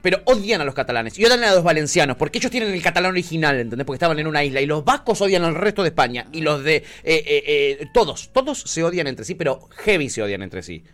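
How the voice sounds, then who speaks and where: A man's voice: on the high side, sing-song, quick pace, few pauses, a bit bright. A man with an Argentine accent hosting a casual political talk show, joking and sarcastic as he reads out comments. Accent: Argentine Spanish. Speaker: show host.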